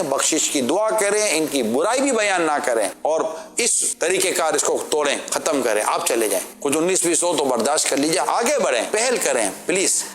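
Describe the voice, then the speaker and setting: A man's voice: fairly high pitch, roomy sound. A man preaching a sermon, earnestly pleading with rhetorical questions and short acted-out bits of family quarrels.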